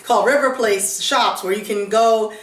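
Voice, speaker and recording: A woman's voice: medium pitch, moderate pace, a bit bright. A woman hosting a vlog, chatting in a casual, upbeat way with lots of fillers. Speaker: vlog host. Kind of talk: casual chat. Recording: roomy echo, mic at a distance.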